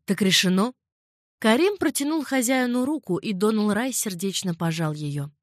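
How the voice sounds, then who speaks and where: Woman reading an audiobook, measured and dramatic, dry close sound. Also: on the high side, animated, darkish tone, no echo. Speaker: audiobook reader. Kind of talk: scripted narration.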